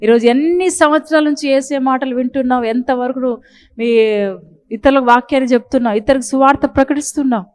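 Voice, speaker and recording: A woman's voice: high voice, fairly even intonation, quick pace, darkish tone. A woman preacher with a Telugu accent, giving a fervent sermon, asking the congregation questions and calling out hallelujah.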